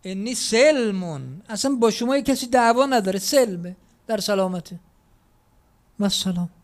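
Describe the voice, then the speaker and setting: A man preaching a sermon in a notably high voice. His delivery is emphatic, rising to loud declarations and dropping to hushed asides. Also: lively intonation.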